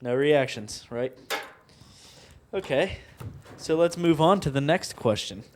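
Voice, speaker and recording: A man's voice: on the high side, expressive, takes it slowly, a little mellow, slight background noise. A young man hosting a student TV quiz game, reading out questions playfully and teasing the players with countdowns. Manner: reads questions aloud, laughs often, teasing countdowns. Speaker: quiz show host.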